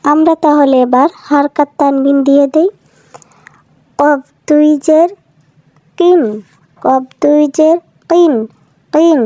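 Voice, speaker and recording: A woman's voice: high-pitched, steady tone, takes it slowly, pauses often, mellow, dry recording. A woman teaching children to read Quranic letters in a cartoon lesson, voiced over the animation. She patiently sounds out each syllable and repeats it twice. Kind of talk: slow phonics drill for children.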